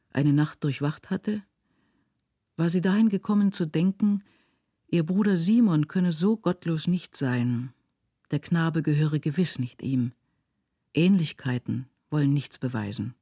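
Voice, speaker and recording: A woman reading a classic novella aloud in a measured, earnest storytelling style, recorded in a studio. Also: deep voice, mellow, husky, no room sound. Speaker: reader of a literary audiobook. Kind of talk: scripted narration of a classic novella.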